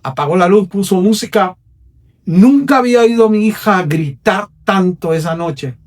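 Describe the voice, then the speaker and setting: Earnest Puerto Rican evangelist, fairly high voice. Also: male voice, expressive, moderate pace, far from the mic. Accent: Puerto Rican Spanish. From Puerto Rico. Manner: earnest, preacherly, swings between hushed and emphatic. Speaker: evangelist, podcast guest. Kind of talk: personal testimony storytelling.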